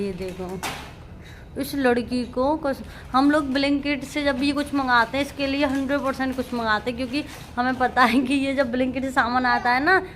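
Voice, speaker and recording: A woman's voice: fairly high pitch, a bit bright, slight background noise. A woman chatting straight to her viewers in a casual family vlog, filmed at home on a handheld phone. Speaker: vlogger mother. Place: at home, later on the rooftop. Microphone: handheld phone camera.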